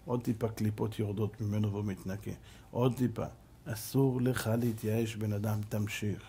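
A middle-aged man, a rabbi, giving a Torah lesson as an animated storyteller who acts out voices. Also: on the low side, a little hiss or hum.

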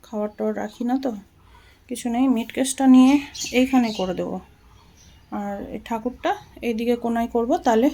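A woman's voice: a little high, mellow, low-quality recording. A woman in her thirties from Bengal, chatting casually to viewers at home while she cleans and tidies. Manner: chatty, talks while doing housework. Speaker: vlogger. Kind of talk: casual home vlog chat. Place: home, indoors.

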